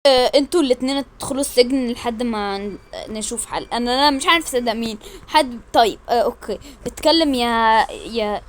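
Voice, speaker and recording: Woman doing a hesitant low-voiced male judge. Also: a little hiss or hum, lightly acted. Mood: weary, unsure. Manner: hesitant, halting. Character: stern male judge, unsure and weary. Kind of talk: toy-game story role-play.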